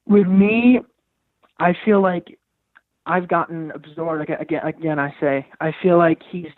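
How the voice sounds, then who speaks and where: A man's voice: a little high, fairly even intonation, measured pace, dry recording. A teenage man from New York calling in over the phone, talking earnestly and searching for his words. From New York, USA. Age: teens. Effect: heard over the phone. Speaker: caller. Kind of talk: casual call-in talk. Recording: tinny, breaking-up phone line.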